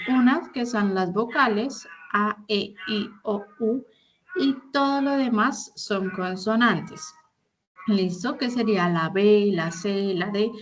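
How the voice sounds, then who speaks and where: A woman in her thirties teaches an online English class. She explains grammar patiently, step by step, and keeps checking in with her students. Her voice sits at an ordinary middle pitch. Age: 30s. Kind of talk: online class instruction in Spanish.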